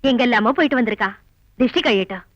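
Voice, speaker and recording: A woman's voice: on the high side, very fast, a bit bright, no room sound, lightly acted. An actress playing a stern, suspicious middle-aged mother in a film comedy-drama, speaking bluntly and full of questions. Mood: bossy, brisk. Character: stern, suspicious traditional mother of a grown son. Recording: muffled film audio with music behind.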